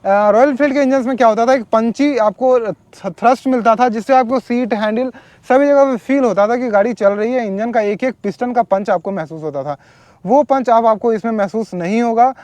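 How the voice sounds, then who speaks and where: A man's voice: very high-pitched, brisk, darkish tone, no echo. A man giving a casual, conversational motorbike review outdoors, explaining features with frequent fillers. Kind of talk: casual product walkaround. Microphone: wireless or helmet mic.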